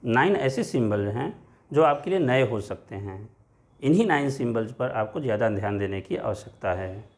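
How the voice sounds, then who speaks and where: A man teaching pronunciation, explaining each letter and its sound slowly and patiently. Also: medium pitch, animated. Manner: slow, patient, spelling out letters and sounds one by one. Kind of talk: explaining phonetics lesson.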